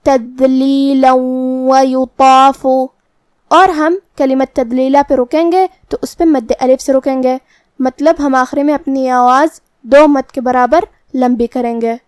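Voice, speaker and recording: High-voiced woman teaching Quran recitation rules. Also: fairly even intonation, darkish tone, clean tone, dry recording, clean studio sound. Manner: explains each letter's rules carefully, then recites slowly. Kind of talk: tajweed lesson with slow recitation.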